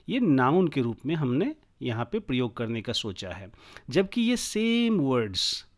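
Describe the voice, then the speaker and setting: Slow, patient teacher, male. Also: medium pitch. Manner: slow, patient, checks understanding often. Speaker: language teacher. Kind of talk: classroom explanation in Hindi and English.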